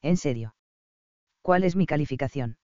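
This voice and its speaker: A man's voice: fairly high pitch, expressive, moderate pace, mellow, clean tone, no echo, close to an everyday voice. A man voicing a frustrated, competitive young woman in a romance audiobook. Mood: curious. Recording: slightly dull, dry studio recording.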